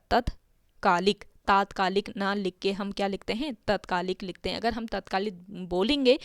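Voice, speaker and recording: Brief: woman teacher, mid pitch, dry close mic, answers her own questions, exam-prep grammar. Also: dry recording. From India. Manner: spells out words sound by sound.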